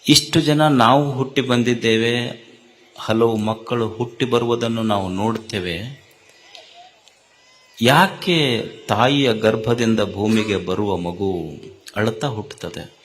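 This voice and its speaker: A man giving a sermon at a gathering, slow and repetitive, rising to emphatic calls. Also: mid-range voice, fairly bright tone, slight background noise. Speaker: spiritual speaker.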